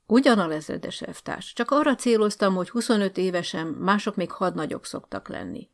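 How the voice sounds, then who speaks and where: A woman's voice: medium pitch, animated, creaky. Woman doing a dry, cheeky male teacher. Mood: ironic. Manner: dry, ironic.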